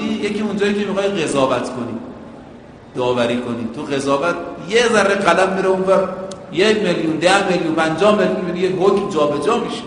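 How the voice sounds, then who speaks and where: A man's voice: on the high side, slight background noise. A male preacher giving a sermon, using everyday driving comparisons and chanting quotations in Arabic. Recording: echoey hall with a long reverb.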